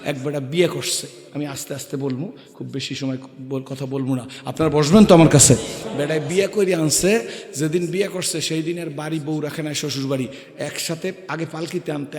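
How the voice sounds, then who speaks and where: Fiery preacher echoing through loudspeakers. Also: male voice, on the high side, moderate pace. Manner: calls on the crowd to answer loudly, sings couplets. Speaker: Islamic preacher. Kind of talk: waz sermon to a large gathering. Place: outdoor sermon gathering with loudspeakers. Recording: echoey PA sound with long reverb.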